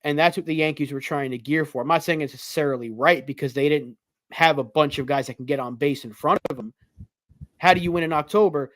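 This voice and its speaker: A man co-hosting a sports podcast in a relaxed, conversational way, full of "like" and "you know". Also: fairly high pitch, quick pace, dry recording, clean studio sound. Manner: conversational, lots of fillers like "like". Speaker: podcast co-host. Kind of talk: casual sports talk.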